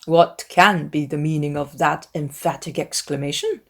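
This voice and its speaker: A woman voicing a wry middle-aged gentleman father in a dramatized classic novel, speaking in a formal, mock-solemn, teasing way. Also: low-pitched, normal speed.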